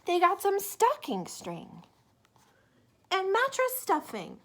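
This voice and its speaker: A woman with a high voice reads a picture book aloud slowly and expressively, breaking off with asides to young listeners. She is animated and deliberate, asking the children questions as she goes.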